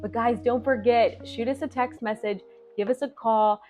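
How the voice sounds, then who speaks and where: A woman's voice: a little high, steady tone, normal speed, a little mellow, faint music behind. A woman from Florida giving a chatty, casual walkthrough of neighborhoods as a real estate vlogger, with informal asides.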